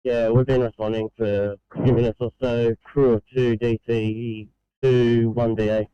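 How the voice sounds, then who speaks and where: A man's voice: medium pitch, level tone, normal speed, dark tone, clean tone, no room sound. A man on a fire crew giving a brief, matter-of-fact status report over a two-way radio. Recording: narrow two-way radio channel, dry.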